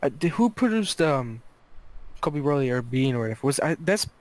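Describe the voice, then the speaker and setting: A young man co-hosting a casual podcast, chiming in with quick agreement and curious questions. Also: medium pitch, big pitch swings, no room sound. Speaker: podcast co-host. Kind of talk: casual chat.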